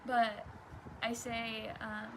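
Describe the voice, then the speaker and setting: A woman's voice: a little high, monotone, very slow, noisy background. A young adult woman chatting casually and rambling in a laid-back stoner drawl, trailing off and prone to giggles. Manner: giggly, often breaking into laughter. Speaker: vlogger. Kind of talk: casual rambling solo chat.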